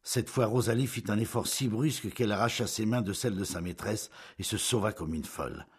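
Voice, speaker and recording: A man narrating a classic novel as an audiobook in a measured, expressive storytelling manner. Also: on the low side, slightly rough.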